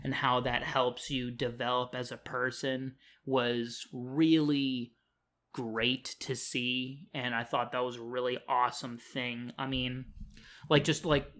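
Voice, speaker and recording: A young man talks through a film review at a middle pitch, loose and unscripted. He rambles, leans on fillers, restarts his sentences and drops casual swears as he goes. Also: little pitch movement, takes it slowly, fairly bright tone.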